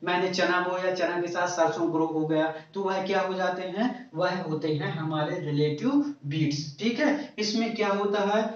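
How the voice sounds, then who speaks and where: A man teaching an agriculture exam-coaching lecture, asking the class questions and answering them himself, repeating key terms. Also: sits high. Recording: echoey room, distant lo-fi mic.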